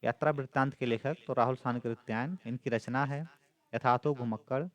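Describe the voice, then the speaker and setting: A man's voice: medium pitch, steady tone, normal speed. A man, a teacher going through a model exam paper, repeating points steadily with frequent fillers.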